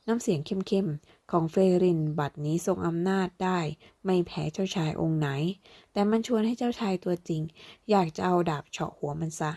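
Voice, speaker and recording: A woman narrating a fantasy novel aloud, slowing down as she voices the characters. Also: fairly low pitch, mellow. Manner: voices characters with slow, deliberate delivery. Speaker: audiobook narrator. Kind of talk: dramatic novel reading.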